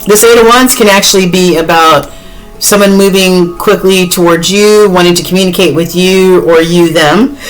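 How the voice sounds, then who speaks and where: A woman's voice: lowish voice, low-quality recording. A woman, chatting directly to viewers in a casual tarot reading, with many fillers. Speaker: tarot reader.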